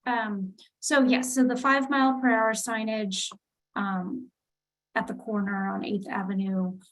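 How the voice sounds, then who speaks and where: A woman's voice: medium pitch, fairly even intonation, unhurried, fairly bright tone, poor audio. A woman presenting a street plan at a public community meeting, talking with many fillers and restarts. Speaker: city transportation planner presenting.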